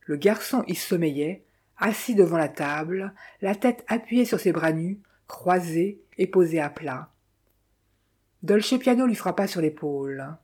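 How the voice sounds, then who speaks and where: Husky-voiced woman reading a novel. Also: fairly low pitch, animated, unhurried, dark tone. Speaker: audiobook narrator.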